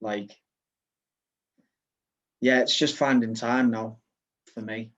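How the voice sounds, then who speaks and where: A man's voice: medium pitch, steady tone, slow, fairly bright tone. A man with an English accent, a podcast guest giving short, laid-back replies over a video call. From England. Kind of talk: casual chat. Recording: dull video call audio.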